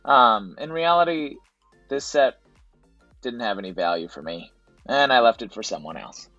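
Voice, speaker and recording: A man's voice: mid-range voice, animated, normal speed, bright, forceful tone, no room sound, dull audio, soft background music. A man narrating his thrift store trip as a voice-over for his reselling vlog, in a casual, explanatory way. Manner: casual, explanatory, repeats "to be honest".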